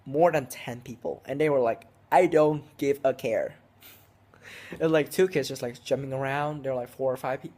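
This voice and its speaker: Telling a laid-back story on his vlog, this 16-year-old keeps restarting and wandering, peppering everything with "um" and "like." The voice is mid-range and a little mellow, with a steady tone at a moderate pace.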